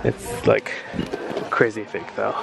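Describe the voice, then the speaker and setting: Low and creaky, his slow voice competes with background noise. The man is out thrifting, filming a casual vlog on a handheld camera in an aisle, where he excitedly gushes over finds and keeps talking to himself.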